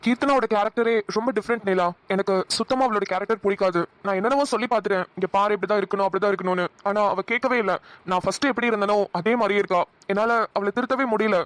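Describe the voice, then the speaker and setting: A man voicing a reflective, affectionate young husband in a cartoon who explains himself calmly. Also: high-pitched, racing, dry recording, low-quality recording. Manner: calm, explaining at length. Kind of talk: Tamil cartoon voice acting.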